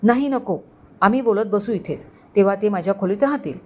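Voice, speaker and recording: A woman voicing a quick-witted young man who reassures and speaks politely in a read-aloud story. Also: mid-range voice, warm tone, lightly acted. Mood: reassuring.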